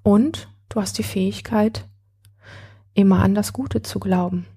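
A woman voicing a calm, kind confidant in a read-aloud story, speaking in a gentle and reassuring way. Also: medium pitch, a little slow, slightly rough.

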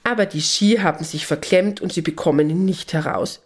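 Gentle breathy woman telling a bedtime story. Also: fairly low pitch, normal speed. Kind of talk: children's story narration.

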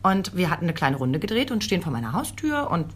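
Husky woman telling lively stories. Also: on the low side, quick pace. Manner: lively storytelling, acts out quoted voices. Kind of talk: casual chat, anecdotes.

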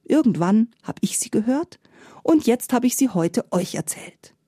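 A woman storyteller narrating a fairy tale in a lively, playful way, recorded close and dry. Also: a little high, unhurried, slightly rough, no echo.

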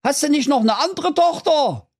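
A man voicing an angry crowd of fairy-tale common folk shouting protest chants. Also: very high-pitched, lively intonation, moderate pace, voice pushed up.

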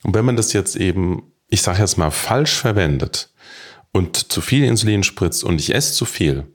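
A man's voice: sits low, lively intonation, normal speed. Ein Arzt erklärt ruhig und sachlich, wie man Insulin spritzt und lagert. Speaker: diabetes doctor. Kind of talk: explaining to camera.

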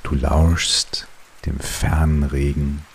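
A man narrating a guided relaxation sleep story in a calm, soothing way, with long pauses between short phrases. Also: a bass voice. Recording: steady rain noise behind the voice. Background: rain.

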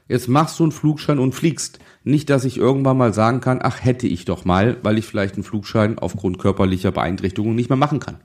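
A mid-range, darkish male voice carries this motivational monologue. The speaker, a financial advisor and podcast host in his forties, talks directly to the listener, exhorting insistently and posing rhetorical questions.

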